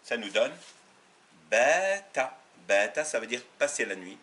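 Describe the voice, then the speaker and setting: A man teaching a beginners' language lesson, patient and methodical, repeating sounds slowly and correcting himself as he goes. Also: on the low side, fairly bright tone, far from the mic. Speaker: Arabic teacher. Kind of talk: step-by-step lesson for learners.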